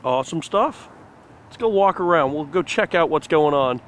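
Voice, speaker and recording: A fairly high-voiced man talks excitedly while walking around an outdoor construction site, rambling and filling pauses with "uh". His voice is caught by a handheld camera, with faint traffic noise outside. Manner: enthusiastic, rambling with fillers. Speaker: fan site video host. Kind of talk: casual walking site tour.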